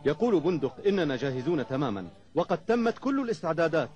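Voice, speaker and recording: A man voicing a watchful, dutiful village guard in a cartoon, with brisk, formal, earnest delivery. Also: fairly high pitch, very animated, a little mellow. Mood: respectful. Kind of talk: cartoon voice acting. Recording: muffled, noisy old cartoon soundtrack.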